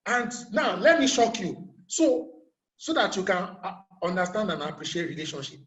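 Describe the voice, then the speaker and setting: A man's voice: high-pitched, big pitch swings, normal speed, a bit bright, roomy sound, rough recording. A middle-aged Nigerian man giving a career talk, telling stories and asking his audience rhetorical questions. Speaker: motivational speaker.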